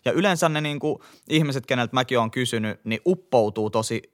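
Young man, Helsinki accent, podcast co-host, slangy, animated, casual chat. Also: medium pitch. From Finland. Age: young adult. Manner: slangy, animated storytelling with laughs and many fillers.

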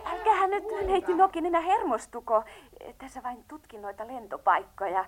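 A woman's voice: high voice, big pitch swings, crowd noise. An actress playing a polite, businesslike female newspaper reporter in a radio play. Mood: courteous. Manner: courteous, businesslike.

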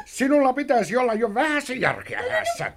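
Raging old gent in an old radio play, high voice swinging all over, busy noise behind. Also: male voice, sing-song, creaky, exaggerated voice. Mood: furious. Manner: sputtering, shouting, demanding. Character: blustering furious older gentleman. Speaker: angry brother chasing an eloped sister. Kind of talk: 1960s radio drama acting.

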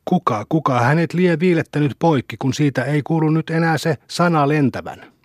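A man's voice: on the high side, animated, no echo, clean studio sound, voice pushed up. A man voicing a nosy village juror who asks questions, in an audiobook reading. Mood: inquisitive. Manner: inquisitive, nosy.

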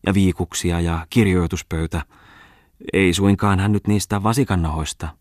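A man's voice: low voice, fairly even intonation, darkish tone, no echo, clean studio sound, close to an everyday voice. A man reading an audiobook voices a bustling, talkative farm wife who fusses eagerly over a wealthy guest. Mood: chatty. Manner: eager, fussing, hospitable. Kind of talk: audiobook character voice.

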